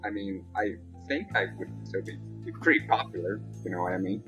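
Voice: low-pitched, expressive, brisk, music in the background. A player voicing a regretful retired male celebrity who stammers and hesitates. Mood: hesitant regret.

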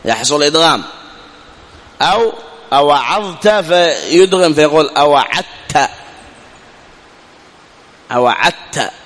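A man teaching Quranic recitation rules, who asks and answers his own questions and slows right down to recite the example words. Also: on the high side, in a large hall. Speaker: tajweed teacher. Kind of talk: recorded lesson explaining a poem.

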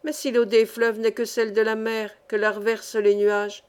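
Nell is a sheltered young girl full of wonder, as a woman reader gives her voice. She asks soft, eager questions in a fairly high voice, in a storybook reading. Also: flat delivery, normal speed, clean tone, lightly acted.

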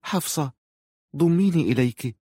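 A man voicing a shy, lovesick eighteen-year-old girl who speaks softly and pleads. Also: a little high, lively intonation, normal speed, breathy edge, no echo, studio quality, voice pushed up. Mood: tender, pleading. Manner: soft, pleading, tender.

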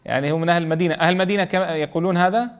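High-voiced man teaching a Quran lesson. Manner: reads quoted text slowly, then explains quickly, often checking with listeners. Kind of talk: explaining a classical text in a lesson.

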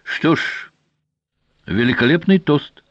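A man voicing a shrewd male royal guardian who speaks with measured, elaborate politeness, in a dry, slightly dull audiobook recording. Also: fairly high pitch, expressive, fairly bright tone, dry recording, voice pushed up, full character voice. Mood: courtly.

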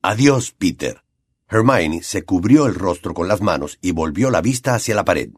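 Man, Latin American Spanish accent, audiobook narrator, deep voice, dry close studio sound. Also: normal speed, slightly rough, no echo. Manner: dramatic, expressive reading.

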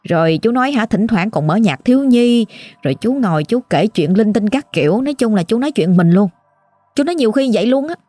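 A woman's voice: fairly high pitch, expressive, a little fast, warm tone, dry recording, soft background music. A woman with a Southern Vietnamese accent narrating a ghost story in a chatty, exclaiming way, talking straight to her listeners.

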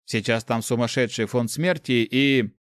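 A man's voice: medium pitch, unhurried, no room sound, studio quality, natural voice. A man reading a fearful, deferential messenger reporting to his lord, in an audiobook. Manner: timid, mumbling, deferential.

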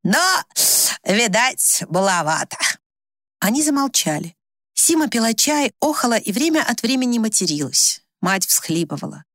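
A woman narrating an audiobook in an expressive storytelling manner. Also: on the high side, normal speed, no room sound, clean studio sound.

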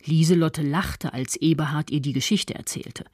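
A woman's voice: deep voice, moderate pace, a little mellow, no room sound, clean studio sound. An actress playing a self-righteous middle-aged mother who narrates her story with prim indignation in a radio drama. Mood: indignant. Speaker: first-person narrator.

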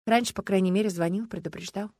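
A woman narrating an audiobook in an even, measured reading voice. Her pitch sits in the middle range. The recording is dry and close, with no room sound. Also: no room sound. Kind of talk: scripted narration.

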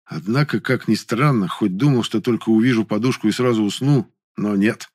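A man narrating a first-person audiobook in an even, weary, matter-of-fact way. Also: lowish voice, normal speed, slightly rough, no room sound, clean studio sound.

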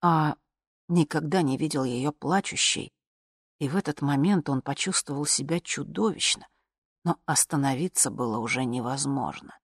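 A woman narrating a dark audiobook story in an even telling. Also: rumbling low, normal speed, breathy edge, dry recording, studio quality.

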